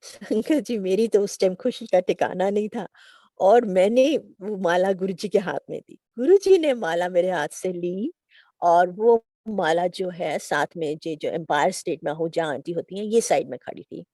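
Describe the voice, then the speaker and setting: A middle-aged woman, sharing a devotional testimony in a lively storytelling way, acting out quoted dialogue. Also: lowish voice, normal speed, dry recording, clean studio sound.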